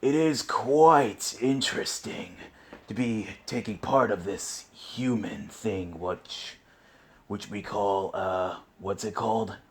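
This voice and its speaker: A man voicing a menacing, scornful robot warlord with a gravelly voice. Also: fairly low pitch, slow.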